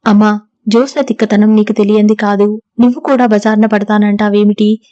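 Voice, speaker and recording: A woman's voice: mid-range voice, flat delivery, brisk, mellow, no echo, lo-fi sound, lightly acted. A woman narrator voicing a furious young husband who scolds his wife and demands she stay, in an audiobook. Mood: exasperated. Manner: angry, scolding, commanding. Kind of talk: audiobook character reading.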